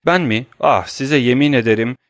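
A man's voice: mid-range voice, animated, fairly quick, dry recording, studio quality, pitched above the performer's own voice, lightly acted. A man reading an audiobook who voices a middle-aged banker who is frightened but indignant, protesting in a defensive, agitated way.

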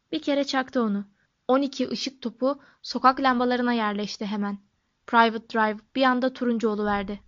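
Woman audiobook narrator, steady and expressive, somewhat high voice, muffled lo-fi audio. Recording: dull lo-fi recording.

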